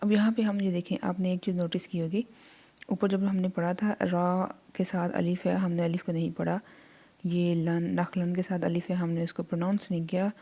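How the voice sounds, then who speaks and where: A woman teaching Quran reading, spelling out syllables slowly one by one, then explaining quickly. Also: lowish voice, little pitch movement, dark tone. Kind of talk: spelling out syllables in a slow lesson.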